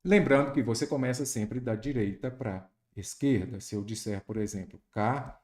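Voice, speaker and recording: Emphatic Brazilian Portuguese teacher. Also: male voice, medium pitch, normal speed. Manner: lively, emphatic, quizzing the viewer. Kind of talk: exam prep lesson.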